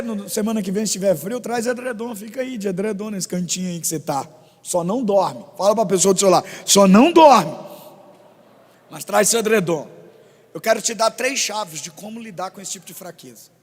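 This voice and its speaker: A pastor preaching a sermon in church on a body-worn microphone, animated and joking with the congregation. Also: male voice, sits high. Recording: long church reverb.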